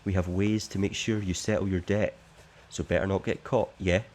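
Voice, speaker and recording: A man's voice: low-pitched, level tone, darkish tone. Man reading out a shady smuggler boss. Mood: shady offer. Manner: plain, unhurried reading of game text. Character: shady smuggler gang boss giving a secret job.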